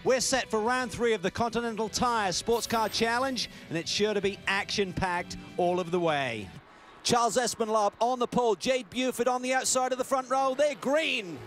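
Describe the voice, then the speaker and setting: A man doing excited play-by-play motorsport commentary, calling the action briskly. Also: faint music behind. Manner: brisk, excited calls that rise in pitch at key moments. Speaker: lead race commentator.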